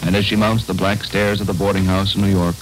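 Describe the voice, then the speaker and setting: A man giving scripted narration for an old radio serial in a measured, dramatic manner. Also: deep voice, little pitch movement, faint music behind, poor audio.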